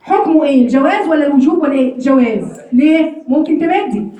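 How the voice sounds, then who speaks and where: Egyptian woman, recitation teacher, high voice, patient step-by-step explaining, roomy and distant sound. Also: lively intonation, quick pace, warm tone. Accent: Egyptian Arabic. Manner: explains step by step, keeps checking if students follow. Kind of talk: classroom lesson on recitation rules.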